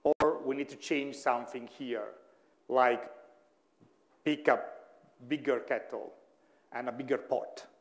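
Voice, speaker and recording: A man whose first language is Italian gives a university lecture, thinking aloud, correcting himself and often checking in with the class. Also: mid-range voice. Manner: thinking aloud, frequent "hmm?" checks with listeners, self-corrections.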